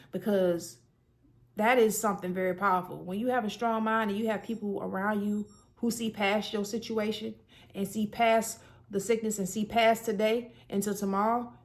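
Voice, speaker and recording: A woman in her thirties sharing her own story in casual talk, earnest and conversational with many fillers. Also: medium pitch. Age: 30s. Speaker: person sharing a health story. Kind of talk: casual personal testimony.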